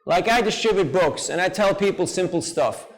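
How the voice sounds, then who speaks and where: A man giving a devotional talk to a seminar audience, lively and playful, often putting questions to the listeners. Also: sits high, normal speed, rough recording. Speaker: speaker at a seminar.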